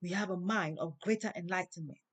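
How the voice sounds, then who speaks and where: Woman preaching slowly with emphatic rises. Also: lowish voice, husky. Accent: non-native English. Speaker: host. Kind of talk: inspirational monologue.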